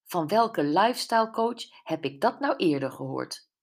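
Here a woman reads the part of Brenda, the self-mocking, candid friend in an audiobook. She speaks a little slowly in a lowish, expressive voice, sounding wry and emotional, tearful now and then.

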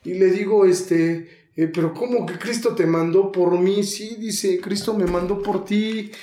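A man's voice: high-pitched, steady tone, measured pace, mellow, reverberant. A man in his thirties with a Mexico City accent telling his recovery story, slangy and intense, acting out the voices in the scenes. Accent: Mexico City Spanish. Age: 30s. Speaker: guest sharing a recovery testimony. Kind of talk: emotional personal testimony.

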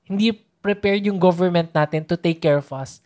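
A woman's voice: lowish voice, moderate pace, darkish tone. A woman in casual conversation, chatty and thinking aloud, mixing English into her sentences. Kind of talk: casual chat.

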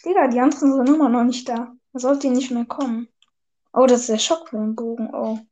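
A high-pitched woman chats casually while gaming with a friend. She talks in slangy bursts, teasing and laughing often. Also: fairly even intonation, a little fast, dark tone. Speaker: gamer.

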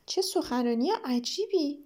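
A woman's voice: sits high, lively intonation, warm tone. A woman reading a storybook and voicing a timid, polite young boy who speaks hesitantly. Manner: shy, hesitant.

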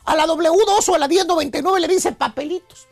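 A man's voice: extremely high pitch, a little fast, creaky, faint music behind. A middle-aged man hosting a comedic radio monologue, scolding and mocking as he acts out quoted voices. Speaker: radio show host.

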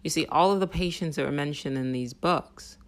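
A vlogger giving an intense spiritual monologue with casual swearing, often dropping into soft whispers. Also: mid-range voice, moderate pace. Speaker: self-help vlogger.

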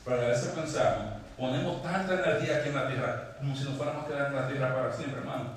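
A man's voice: mid-range voice, fast talker, slight background noise. A man preaching a sermon as pastor, fervent and repeating his words for weight. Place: church. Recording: echoey church from far off.

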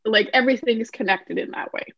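Higher-voiced woman from Denmark, dry sound. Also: fast, gravelly, fairly bright tone, no room sound, lo-fi sound. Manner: thoughtful, explanatory, many fillers. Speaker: podcast guest, numerologist. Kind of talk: podcast interview.

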